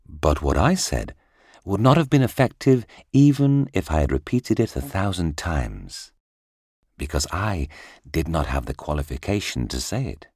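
A man voicing a wise, patient royal minister who speaks quietly and firmly. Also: sits low, sing-song, moderate pace, breathy edge, dry recording, clean studio sound, heavily acted. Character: wise calm older male royal minister.

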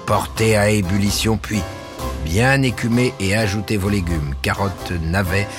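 A man voicing a proud, sharp-tongued older woman cook who briskly dictates a recipe. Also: fairly low pitch, music in the background, close to an everyday voice. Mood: commanding. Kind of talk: storybook reading.

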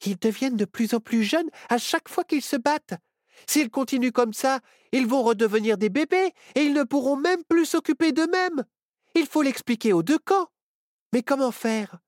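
A squeaky excited little girl, super high and bouncy, all eager exclamations. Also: moderate pace, no room sound, clean studio sound. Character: excited young girl, bold, full of ideas.

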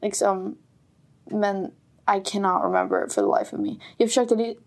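A young Swedish woman co-hosts a podcast in a medium-pitched voice with big swings in pitch. The chat is casual, she flips between Swedish and English, and she laughs a lot.

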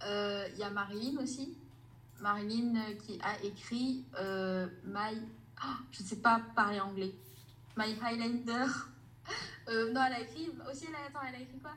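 A woman's voice: fairly high pitch, normal speed, a bit bright, a little hiss or hum, rough recording. A woman author as a podcast guest, rambling casually and often stopping to search for names.

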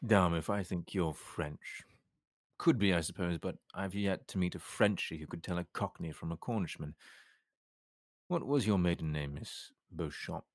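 Man acting a low, sardonic British RP army captain. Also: dry recording. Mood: sardonic, stern. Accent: modern British RP. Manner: formal, measured, sardonic. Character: suave, menacing male army captain, coldly polite interrogator.

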